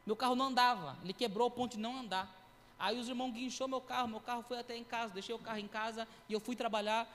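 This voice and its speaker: A man in his thirties giving a sermon testimony, telling his story in a lively way with acted-out quotes and sound effects. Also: very high voice, fast, long reverb tail, a little hiss or hum. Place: church.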